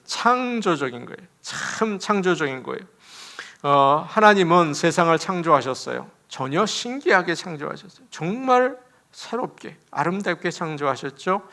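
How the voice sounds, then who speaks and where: Man, pastor, church sermon, animated preaching, bright tone. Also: a little high, creaky. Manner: animated preaching with laughter and acted quotes.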